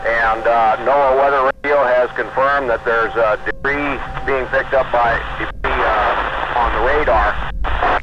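A man's voice: medium pitch, steady tone, a little slow, dull audio. An American man handling amateur storm spotter traffic over a two-way radio. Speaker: radio net operator.

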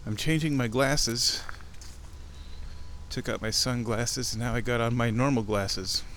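A man's voice: medium pitch, unhurried, a bit bright. A man hosting a casual show, narrating his walk outdoors in a rambling, observational way. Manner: rambling observational chat while walking. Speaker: podcast host and chairman. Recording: breezy outdoor noise while walking. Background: light wind and outdoor ambience.

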